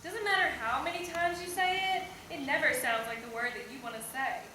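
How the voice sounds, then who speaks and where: A woman's voice: high-pitched, brisk, bright, forceful tone. Wry young woman in a stage monologue. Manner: wry, comic delivery. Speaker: stage performer. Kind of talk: comic theatrical monologue performance. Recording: echoey hall, far from mic, background noise.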